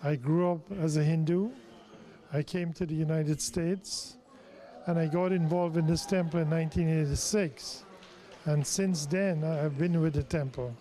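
A middle-aged man from Guyana, a temple president answering interview questions in a measured, explanatory way. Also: on the high side, steady tone, mellow.

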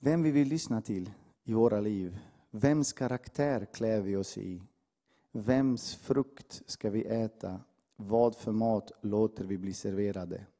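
A male preacher delivers an impassioned sermon in a dark, mellow voice. He pushes hard on his calls to the congregation, then drops low for quiet asides. His carries a slight edge. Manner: impassioned, swings from loud exhortation to hushed asides.

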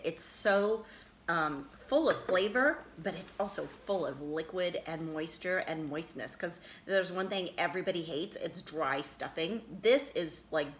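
A woman's voice: on the low side, a bit bright, slight background noise. A middle-aged woman co-hosting a show, chatting enthusiastically over a dinner table and laughing often. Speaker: show co-host. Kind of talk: casual chat over a dinner. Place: dining table indoors.

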